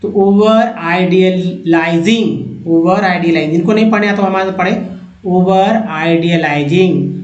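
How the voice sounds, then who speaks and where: A man teaching English vocabulary in Hindi. He reads each word slowly, repeats it, and addresses viewers as friends. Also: sits high, reverberant, lo-fi sound.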